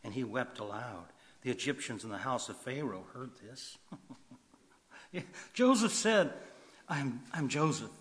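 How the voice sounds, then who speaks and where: A man preaching a sermon in an animated way, swinging from loud emphasis to quiet asides. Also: mid-range voice, a little slow. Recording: long hall reverb.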